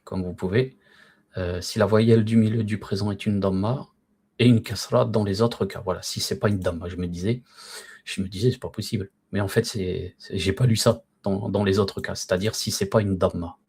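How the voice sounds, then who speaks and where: A man gives a recorded Arabic lesson in a husky, somewhat low voice. He is patient, pronounces each form slowly and repeats it. He often stops to check that his listeners are keeping up. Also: fairly even intonation, a little mellow. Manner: patient, repeats words slowly and asks if students follow. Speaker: Arabic teacher.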